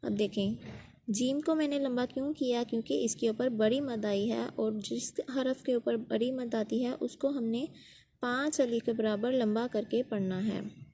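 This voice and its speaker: Slow, high-voiced woman teaching recitation. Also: dark tone. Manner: slow, careful, repeats sounds as models for learners. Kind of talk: patient step-by-step pronunciation lesson.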